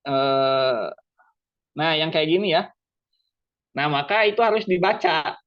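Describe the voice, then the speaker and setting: A man teaching Quran recitation in an online lesson, explaining patiently, repeating himself and slowly chanting Arabic examples. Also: fairly high pitch, animated, muffled recording.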